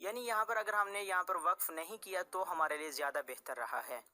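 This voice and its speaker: Patient Quran teacher, bright tone. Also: medium pitch, a little fast. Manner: patient, repetitive explaining, restating each rule several ways. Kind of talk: explanatory tajweed lesson.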